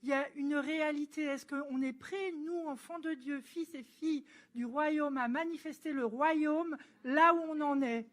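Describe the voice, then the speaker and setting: A woman giving a church testimony, telling her story in a lively, chatty way and acting out the dialogue. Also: high voice, measured pace, hardly any pauses. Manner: lively storyteller who acts out dialogue and laughs; chatty and informal, with frequent fillers.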